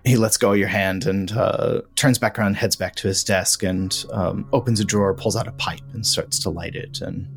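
A man narrating a tabletop horror role-play game as game master, relaxed with frequent ums. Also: low voice, moderate pace, creaky, few pauses, faint music behind.

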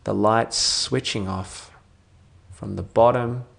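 A man narrating a guided sleep meditation in a soothing sleep-story manner, with gentle phrases that trail off softly and long pauses between them. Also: lowish voice, steady tone, creaky, slightly rough.

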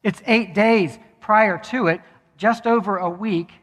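A man preaching a sermon as pastor, measured, with deliberate pauses. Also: high-pitched, a bit bright. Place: church sanctuary. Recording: long hall reverb.

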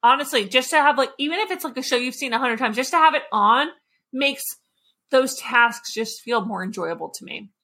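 A woman co-hosting a podcast, chatting casually, giggly and animated. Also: high voice, brisk. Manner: giggly and animated, prone to shrieks. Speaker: podcast co-host. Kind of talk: casual chat.

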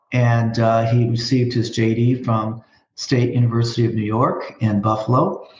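A man hosting a school district interview show, speaking in a measured way with some hesitant fillers. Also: medium pitch, reverberant, dull audio. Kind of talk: hosted interview.

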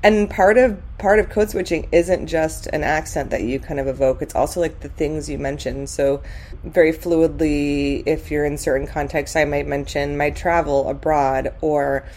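A woman's voice: deep voice, fairly even intonation, normal speed, a little mellow, slight background noise. A middle-aged woman from California chatting candidly on a podcast, reflective, with many fillers. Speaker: guest. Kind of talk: casual podcast conversation.

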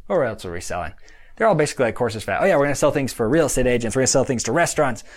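A man's voice: medium pitch, lively intonation, rapid-fire. A young man hosting a podcast, speaking in a casual monologue. He sounds upbeat, laughs often and acts out his past self. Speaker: podcast host.

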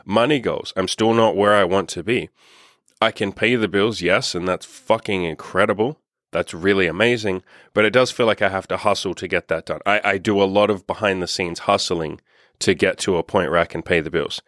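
A man in his mid-thirties speaks in a deep, low register. He is a dating coach in a casual podcast monologue, candid and upbeat with plenty of swearing. The sound is dry and close, with no room echo. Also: moderate pace, a bit bright. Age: 30s. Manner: candid, upbeat and heavily profane. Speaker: dating and self-improvement coach.

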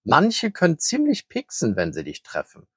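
A man voicing a very old, calm and kind grey male hare in a children's story, speaking gently and wisely. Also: fairly high pitch, moderate pace, husky, dry recording, clean studio sound, pitched above the performer's own voice, heavily acted. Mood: gentle. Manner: gentle, soothing, wise.

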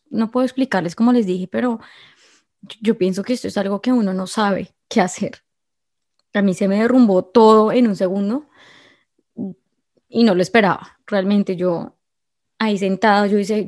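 Warm-voiced woman confiding to viewers. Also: medium pitch. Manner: emotional, confiding, with many restarts. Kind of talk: personal storytelling to viewers.

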